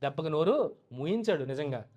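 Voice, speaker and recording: A man's voice: on the high side, lively intonation, a little fast, warm tone, highs cut off. A male pastor preaching a sermon in a storytelling way, acting out the scenes he describes. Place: church.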